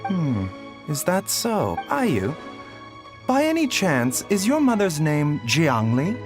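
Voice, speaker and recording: An actor playing a gentle, composed doctor in a video game, polite, formal and soothing. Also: male voice, a little high, huge pitch swings, slow pace, over music, exaggerated voice. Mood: thoughtful, courteous. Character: gentle, courteous doctor, soft-spoken and composed.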